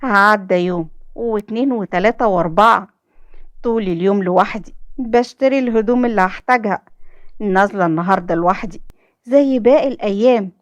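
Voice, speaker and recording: A woman's voice: medium pitch, brisk, dry recording. Heartfelt young woman with an Egyptian accent. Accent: Egyptian Arabic. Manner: emotional, heartfelt. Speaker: storyteller. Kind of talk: first-person dramatic story narration.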